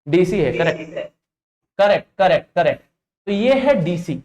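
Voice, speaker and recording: A man's voice: high-pitched, expressive, moderate pace, darkish tone. An Indian man teaching a live online class, quizzing students and repeating short check-ins as he explains. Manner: interactive, repeats "ठीक है" and "देखिएगा", drills students with questions. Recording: echoey room.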